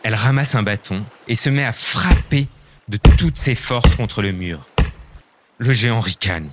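Expressive man reading a children's story. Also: fairly low pitch, unhurried, very noisy.

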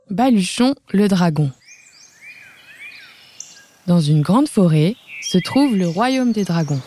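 A woman reading a children's story aloud as storyteller, clear and unhurried. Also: fairly low pitch, warm tone.

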